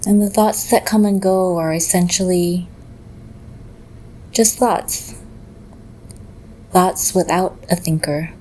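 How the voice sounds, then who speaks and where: Speaking very slowly, a woman with a fairly low voice leads a meditation in a gentle, measured manner, leaving long pauses between phrases. Her intonation stays fairly even. Clear background noise sits behind her on a low-quality recording.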